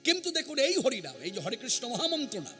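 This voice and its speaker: A man's voice: very high voice, wildly swooping pitch, quick pace, bright, forceful tone, faint music behind. A man preaching a devotional sermon to a gathering, earnest and emphatic, repeating his key phrases. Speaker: kirtan singer and preacher. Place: standing before an assembly.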